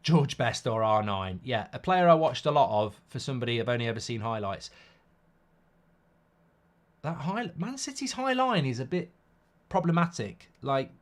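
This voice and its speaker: During a live football watchalong, the British host mixes laid-back commentary with blunt jokes aimed at the chat. His voice is slightly croaky and bunged-up, mid-range in pitch with big swings, and he keeps a moderate pace.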